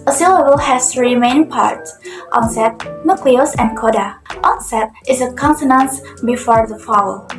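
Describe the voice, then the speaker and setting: A young woman presenting a linguistics lesson as a student, slowing down carefully on example words, with some non-native grammar. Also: high voice, roomy sound, recorded from a distance, over music, rough recording.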